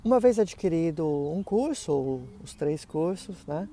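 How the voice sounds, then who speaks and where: Here a Portuguese-speaking middle-aged German teacher walks through his online course setup conversationally, peppering it with fillers and tag questions. He has a warm, somewhat high voice with lively intonation and a slightly slow pace.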